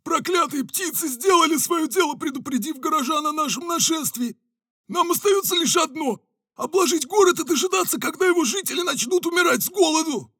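Audiobook villain: a squealing, bossy would-be conqueror, dry close read. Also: male voice, very high voice, moderate pace, fairly bright tone, no room sound, voice pushed up. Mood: bellowing, commanding. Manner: pompous, bellowing commands. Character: shouting power-hungry male villain ruler. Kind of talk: audiobook character voice.

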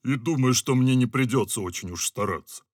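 A man's voice: medium pitch, fairly quick, slightly rough, no echo, clean studio sound, pitched above the performer's own voice, close to an everyday voice. A man voicing a scheming old male owl adviser who speaks in a sly, confiding way in an audiobook. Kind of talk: audiobook character voice.

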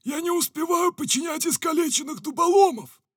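Audiobook villain: a squealing, bossy would-be conqueror, dry close read. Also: male voice, very high-pitched, a little fast, a bit bright, no room sound, pitched above the performer's own voice. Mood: bellowing, commanding. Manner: pompous, bellowing commands. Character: shouting power-hungry male villain ruler. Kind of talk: audiobook character voice.

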